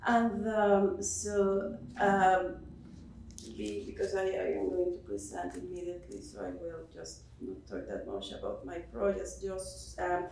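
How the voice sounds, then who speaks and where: In a seminar room with roomy echo and a faraway mic, a Cuban-born professor gives spontaneous panel remarks. Her voice is fairly low, creaky and a bit mellow, her pace unhurried, and she hesitates and restarts a lot. Slight background noise is audible.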